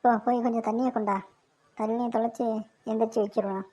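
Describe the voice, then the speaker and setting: A woman's voice: a little high, steady tone, quick pace, mellow, lightly acted. A woman voicing a gossipy middle-aged neighbor in a cartoon, chatty and bossy. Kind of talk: cartoon voice acting. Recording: dull lo-fi recording.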